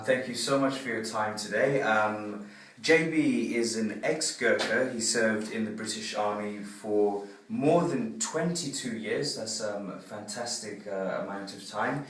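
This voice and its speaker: A man's voice: on the low side, a bit bright. A man hosting a radio interview, friendly and rambling, with many ums and uhs. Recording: echoey room, distant mic.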